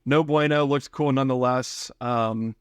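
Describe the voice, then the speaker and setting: A man's voice: mid-range voice, steady tone, a little slow, smooth, no room sound. A man co-hosting a gardening podcast in casual chat, joking and easygoing, close on a studio mic. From Central Ohio. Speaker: podcast co-host.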